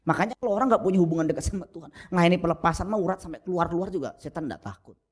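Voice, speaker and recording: A man preaching a sermon as pastor, animated and jokey, with mimicry and sudden soft asides, on a lo-fi church recording. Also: very fast. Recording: lo-fi low-bitrate church recording.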